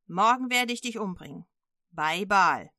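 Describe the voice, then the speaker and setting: A woman's voice: lowish voice, fairly even intonation, normal speed, sharp tone, no room sound, clean studio sound. A woman voicing a menacing male messenger who speaks curtly and coldly. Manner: curt and cold.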